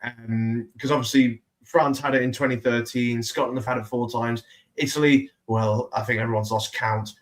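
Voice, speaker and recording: A man in his twenties co-hosting a casual sports podcast, chatty with quick asides. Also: medium pitch, steady tone. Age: 20s. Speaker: podcast co-host.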